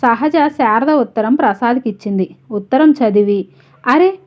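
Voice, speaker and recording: A woman storyteller reading a novel aloud at a steady, unhurried pace. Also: a little high. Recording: slightly dull, lo-fi audio.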